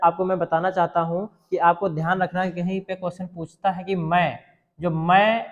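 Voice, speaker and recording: A male teacher giving a grammar lesson for exam students, repeating example sentences slowly and asking questions. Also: sits high, big-room sound.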